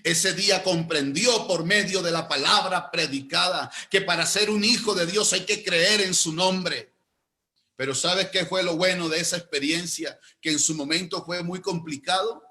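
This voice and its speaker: A male pastor preaching a sermon, telling a story and swinging between loud emphatic phrases and low, slow ones.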